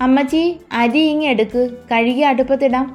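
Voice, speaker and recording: A woman's voice: sits high, steady tone, moderate pace, a little mellow, faint music behind, close to an everyday voice. A woman voicing a tender, pleading wife. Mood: anxious.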